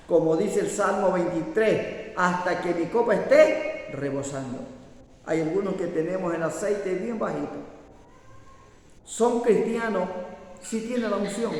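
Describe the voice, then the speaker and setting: A man's voice: high voice, a little mellow. A man pastor preaching a sermon, scolding and emphatic, often breaking in with hallelujahs. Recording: echoey hall reverb.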